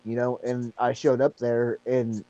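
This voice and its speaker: A support group member in his thirties chats casually, rambling with lots of fillers and repeating himself. His mid-range voice is warm and level, and he's unhurried, though the recording's highs are cut off.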